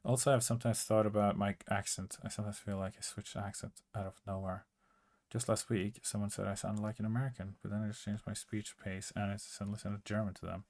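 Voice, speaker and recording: A man's voice: on the low side, level tone, fast, darkish tone. A young man from Norway with a Norwegian accent, chatting casually to himself while composing music, musing and chuckling. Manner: musing, chuckling self-talk.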